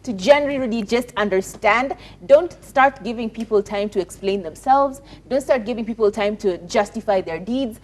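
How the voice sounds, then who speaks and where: A woman's voice: a little high, moderate pace, few pauses. A woman with a Kenyan accent giving personal commentary as a talk show panelist, earnest and emphatic, repeating words and phrases to press her point.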